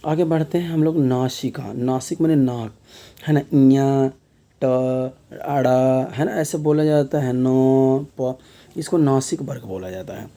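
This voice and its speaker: Man teaching with a very dark voice. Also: mid-range voice, expressive, moderate pace. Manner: explanatory, repeats key terms as questions; frequent filler tags mid-sentence. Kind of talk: exam-prep grammar lesson.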